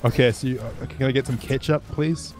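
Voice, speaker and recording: A man's voice: mid-range voice, steady tone, a little fast, over music. A man playing along with a prank and bantering with friends during a game. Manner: playful, acting out a prank, laughs often. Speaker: gamer. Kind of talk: casual gaming banter.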